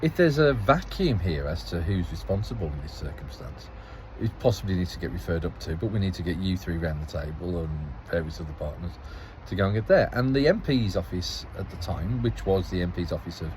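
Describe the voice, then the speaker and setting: A man with a fairly low voice gives a casual, rambling account as a local parish councillor, often repeating and restarting his phrases. He tells it with a note of exasperation. He is recorded outdoors in a town, with faint traffic in the background. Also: lively intonation, brisk, few pauses, a little mellow, poor audio.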